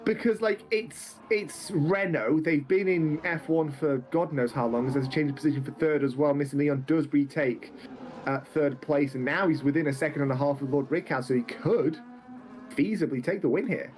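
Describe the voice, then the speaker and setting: A man's voice: a little high, darkish tone, a little hiss or hum. A man of twenty commentating a sim racing event live, calling the action and joking with his co-host. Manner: joking, quick banter between race calls.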